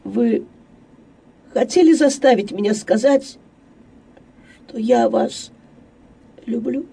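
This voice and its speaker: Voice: mid-range voice, big pitch swings, slow pace, vocal fry, mellow, slightly rough, far from the mic, exaggerated voice. A reader voicing an earnest, brave young woman who pleads tenderly and sometimes whispers her words. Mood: hushed. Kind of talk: audiobook character voice.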